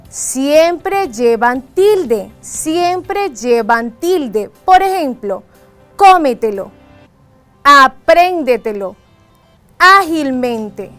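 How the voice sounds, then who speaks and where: A woman teacher giving a scripted lesson, slowly stressing and repeating key phrases. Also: high voice, a bit bright. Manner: slow, drawn-out repetition of key phrases. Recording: faint background music.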